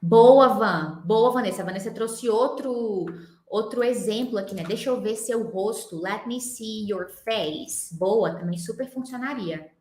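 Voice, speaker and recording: A woman's voice: fairly high pitch, darkish tone. Brazilian woman teaching English in a roomy space. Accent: Brazilian Portuguese. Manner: chatty, coaxing, often slows down to demonstrate phrases. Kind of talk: live online class.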